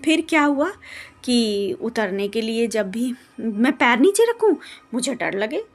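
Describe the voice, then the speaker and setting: A young woman with a high-pitched voice tells a childhood story in a chatty, lively vlog style. She keeps turning to her viewers and calls them friends. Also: unhurried. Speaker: vlogger.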